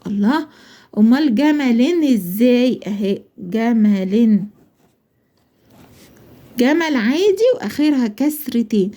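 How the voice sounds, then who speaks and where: High-voiced Egyptian woman teaching spelling. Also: dark tone. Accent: Egyptian Arabic. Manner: asks herself questions and answers them, slows to spell words out. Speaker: primary school Arabic teacher. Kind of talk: explaining a school lesson.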